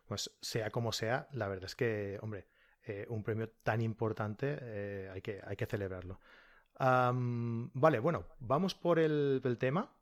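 A man's voice: medium pitch, unhurried. Man hosting a casual podcast. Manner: friendly, joking. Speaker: podcast host. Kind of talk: casual interview.

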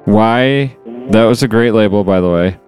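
A man hosting a podcast, asking unhurried, appreciative questions. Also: lowish voice, darkish tone, soft background music. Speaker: podcast host. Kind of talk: interview questions.

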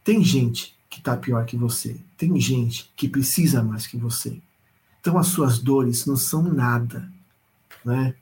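Man telling his own story: animated, repetitive, casual. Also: mid-range voice, slight background noise, rough recording. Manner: animated, repetitive, addresses listeners directly. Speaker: storyteller sharing a personal spiritual experience. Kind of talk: casual spoken testimony.

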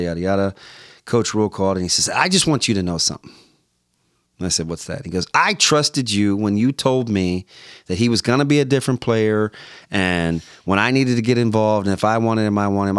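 A man's voice: on the low side, no room sound, studio quality. A man, a podcast guest recounting a story and acting out the voices of people he spoke with. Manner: animated storyteller, acts out quoted phone calls. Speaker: podcast guest, former radio host. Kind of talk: casual storytelling interview.

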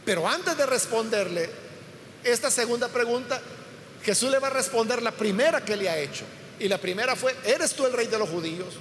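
A man's voice: very high voice, lively intonation, a little fast, fairly bright tone. A man teaching a Bible passage as a preacher, explaining step by step and acting out the quoted dialogue with emphasis. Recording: hall reverb with faint room noise.

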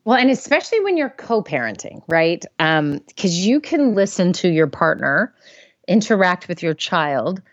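Woman therapist guest, lowish voice, animated and chatty, dull dry sound. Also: moderate pace, no echo. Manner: animated, acts out inner voices in quotes. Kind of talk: casual interview talk.

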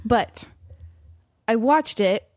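A woman's voice: a little high, animated, extremely slow, darkish tone, no room sound, clean studio sound. A woman co-hosting a casual chat, telling things informally with plenty of "like" and "literally". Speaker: podcast co-host.

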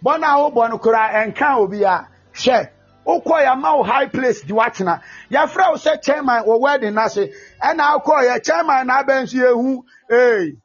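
High husky preacher, fervent shouting. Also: male voice, lively intonation, moderate pace. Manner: fervent, often shouting, mixing English with Twi. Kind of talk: sermon with prayer. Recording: dull lo-fi recording with faint music.

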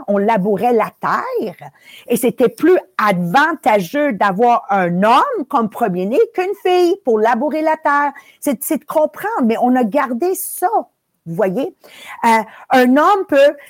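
Woman host, fairly high voice, dry close sound, motivational talk that mixes in English. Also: no room sound. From Italy. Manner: mixes English phrases into French. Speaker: podcast host. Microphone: live video call.

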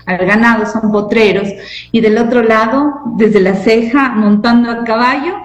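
Ecuadorian woman guest, bit high voice, slow and excited, echoey remote line w faint noise. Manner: enthusiastic, slow and descriptive. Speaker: guest, regional official. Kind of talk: promotional interview talk.

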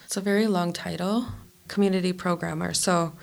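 Woman community programmer, slow and flat, gravelly tone over soft music. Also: fairly low pitch. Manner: slow, deliberate speech with pauses. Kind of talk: slow, measured podcast interview.

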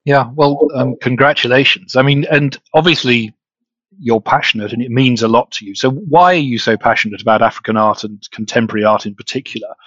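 A man's voice: mid-range voice, fairly bright tone, dry recording. A man interviewing a guest, rambling and stacking several questions at once. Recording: dull dry lo-fi sound.

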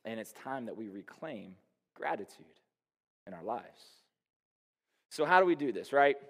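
A man of middle pitch delivers a sermon in a relaxed, storytelling way, filling his sentences with "you know" and "right?". His voice rings out with the long tail of a large church hall. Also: measured pace. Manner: candid, anecdotal, lots of fillers like "you know". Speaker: pastor. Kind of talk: conversational sermon. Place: church sanctuary.

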